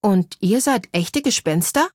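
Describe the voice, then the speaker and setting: A woman's voice: mid-range voice, animated, a little slow, darkish tone, no echo, studio quality. A woman voicing a curious, eager young girl in a storybook.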